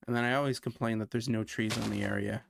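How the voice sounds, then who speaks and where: Streaming a building game, a Canadian man chats casually, thinking aloud and poking fun at himself. His voice sits on the low side, steady and gravelly, and he talks fast over background noise.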